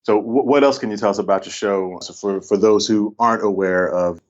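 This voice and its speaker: A podcast host with a lowish voice talks a little fast in a casual, informal interview chat, often repeating himself as he goes. His microphone sounds slightly dull and lo-fi.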